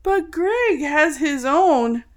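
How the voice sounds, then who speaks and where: A woman's voice: high-pitched, lively intonation, very slow. A young adult woman co-hosting a podcast, telling stories while laughing often and swearing casually. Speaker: podcast co-host. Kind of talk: casual chat.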